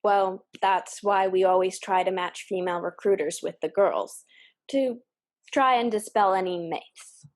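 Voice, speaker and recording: A jaded army recruiter, voiced by a woman, talks in a blunt, offhand way and drops sarcasm without blinking. Her voice sits at an ordinary middle pitch, with a plain indie audio-drama sound. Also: unhurried, lightly acted.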